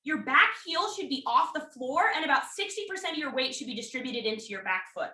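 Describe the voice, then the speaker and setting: Bright, frank woman leading self-defense drills. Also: high voice, expressive, fast. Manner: frank, encouraging, many "um" fillers; calls out drill cues with rising energy. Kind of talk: live online workshop instruction. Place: her home.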